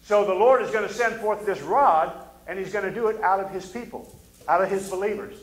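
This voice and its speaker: An older man preaching a fervent sermon from a church pulpit, often sinking to low, intense tones between amens. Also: fairly quick. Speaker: pastor. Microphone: pulpit mic. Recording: echoey sanctuary.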